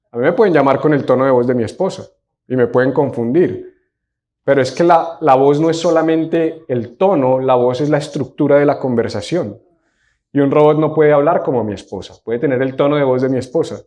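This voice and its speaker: A man's voice: medium pitch, a little mellow. A man preaching a sermon as a pastor, emphatic, with rhetorical questions and call-and-response with the congregation. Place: church service.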